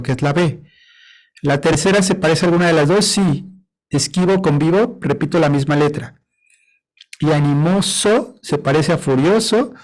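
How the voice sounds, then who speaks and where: A man teaching a class on poetry, his voice sitting a little high for a man. He is patient and steady, slowing down to count syllables out loud one by one. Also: poor audio.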